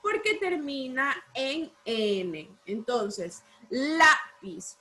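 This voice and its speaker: Slow, high-voiced teacher. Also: female voice, expressive, a bit bright, a little hiss or hum. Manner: patient, repetitive, checks understanding with questions. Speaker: primary school teacher. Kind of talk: online class lesson.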